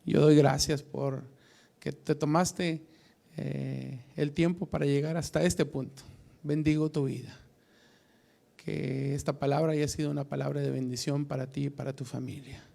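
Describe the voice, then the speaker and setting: A man delivers a Bible study sermon as a pastor. His delivery is slow and emphatic, full of deliberate pauses. His voice is gravelly and mellow, set a little high for a man.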